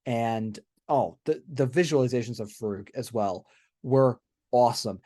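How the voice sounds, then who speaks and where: Man, mid-pitch, chatty podcast co-host, enthusiastic with restarts. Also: moderate pace, warm tone. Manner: enthusiastic, many restarts and "right?" asides. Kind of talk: casual podcast discussion.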